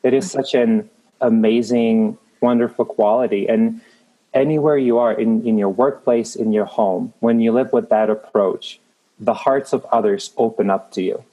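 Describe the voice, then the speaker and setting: Speaking at normal speed in a medium-pitched, warm voice with fairly even intonation, a Czech-accented man in his thirties from the Czech Republic is interviewed as a creative manager. His motivational remarks are earnest and encouraging, with many restarts, and the audio sounds dull.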